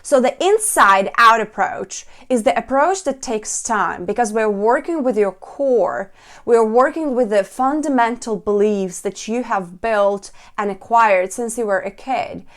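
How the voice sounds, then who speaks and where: A woman with a somewhat high voice gives an instructional talk in the role of a speaking coach. She phrases things deliberately and speaks straight to the listener in an encouraging way. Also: fairly bright tone.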